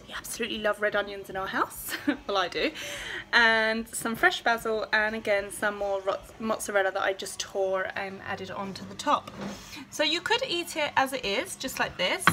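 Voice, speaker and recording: A woman's voice: medium pitch, pushed and bright, low-quality recording. A woman in her thirties chatting casually to a phone camera in her home kitchen, friendly and full of fillers. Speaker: home cooking vlogger. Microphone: phone held at arm's length.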